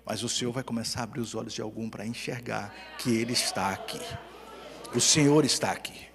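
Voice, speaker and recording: A middle-aged man with a Brazilian accent preaching a sermon as pastor, telling stories with humor and swinging between loud and hushed delivery. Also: mid-range voice, steady tone, fairly quick, creaky, big-room sound. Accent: Brazilian Portuguese. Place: church hall.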